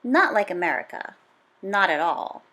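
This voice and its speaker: A medium-pitched woman reads from a children's book at a measured pace, much like a teacher. Her tone is animated and conversational, and repeated words get emphatic stress.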